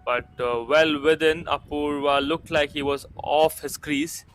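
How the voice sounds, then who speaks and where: Bright-voiced Indian-accented man commentating on cricket. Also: fairly high pitch, steady tone, unhurried, poor audio. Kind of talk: live match commentary.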